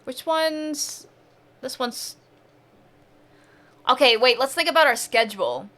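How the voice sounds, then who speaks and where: A woman's voice: high-pitched, expressive, slow, a bit bright. A woman streamer chatting casually over gameplay, thinking aloud and asking herself questions.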